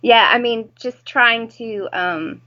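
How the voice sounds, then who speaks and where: A woman's voice: fairly high pitch, slow pace, pushed and bright, dull audio. A woman in her thirties with an American accent, talking casually as an interview guest. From United States. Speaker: interview guest, home-educating mother.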